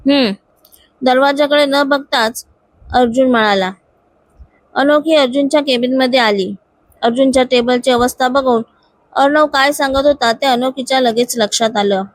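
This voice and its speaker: A woman narrating a romance serial story in a steady, expressive reading. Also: high voice, normal speed.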